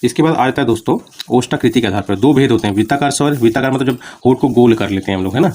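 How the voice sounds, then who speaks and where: A man's voice: mid-range voice, darkish tone. A man teaching Hindi grammar for exam preparation, explaining terms plainly with repeated examples and often checking in with his students. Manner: talks fast, keeps saying "ठीक है" and "दोस्तों". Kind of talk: exam-prep grammar lecture.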